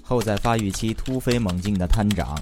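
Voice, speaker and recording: Comic storyteller, man, Beijing accent, deep voice, wry mock-formal introductions, recorded with clear noise and keyboard clicking. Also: moderate pace. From Beijing, China. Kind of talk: comic scripted narration.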